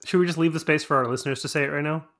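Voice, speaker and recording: A man's voice: a little high, steady tone, racing, a bit bright. A man hosting a podcast in casual chat, upbeat and joking with his co-host.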